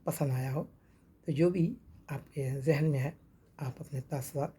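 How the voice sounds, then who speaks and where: A man teaching English pronunciation, repeating each word slowly and spelling letters out. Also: on the high side, mellow, slight background noise. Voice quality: gravelly, husky. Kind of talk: pronunciation lesson.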